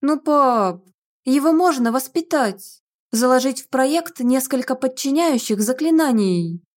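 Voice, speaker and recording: A woman's voice: high-pitched, animated, a little slow, a little mellow, voice pushed up. A woman voicing a mischievous young witch student, pleading and whining at her father. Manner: pleading, childlike whine.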